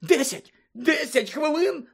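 A man's voice: sits high, lively intonation, fairly quick, fairly bright tone, voice pushed up. An anxious teenage boy wizard, as a man reading a storybook puts him on, his voice lifted a little above a grown man's. He talks in strained, breathless bursts. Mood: alarmed. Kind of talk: audiobook character voice.

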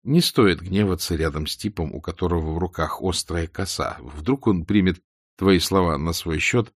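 A man narrating an audiobook in a measured, dry, ironic manner. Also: low-pitched, slightly rough, no room sound. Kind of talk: scripted narration.

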